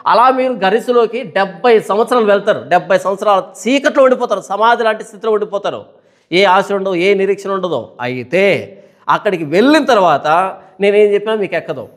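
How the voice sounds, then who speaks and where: Male pastor, high-pitched, animated teaching sermon full of rhetorical questions. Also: fairly quick. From India. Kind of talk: Bible study sermon.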